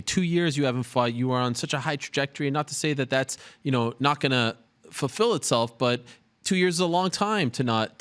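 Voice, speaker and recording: A man's voice: mid-range voice, fairly bright tone, no echo. A man hosting an interview, pressing his guest with probing follow-up questions. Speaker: host, interviewer.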